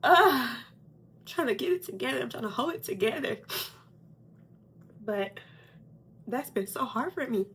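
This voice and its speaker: A woman's voice: a little high, expressive, moderate pace, long pauses, a little hiss or hum. A woman in her forties talks candidly to her viewers while doing her makeup, fighting back tears. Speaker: beauty vlogger. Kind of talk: emotional get-ready-with-me talk.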